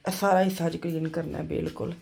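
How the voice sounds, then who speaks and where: A middle-aged woman with a Punjabi accent narrating a home vlog voice-over, speaking softly through a sore throat, chatting directly to her viewers. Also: deep voice, steady tone, fairly quick, creaky, slightly rough. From Pakistan. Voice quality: hushed, softly spoken. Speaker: vlogger. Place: home kitchen.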